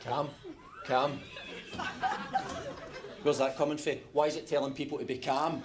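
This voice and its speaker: A man's voice: fairly high pitch, fairly even intonation, a little slow, natural voice. An actor playing a sardonic Scottish man trapped in a lift, in a noisy sketch clip. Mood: sarcastic. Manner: sarcastic, mocking. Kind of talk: sketch comedy acting. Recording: noisy clip played on stream.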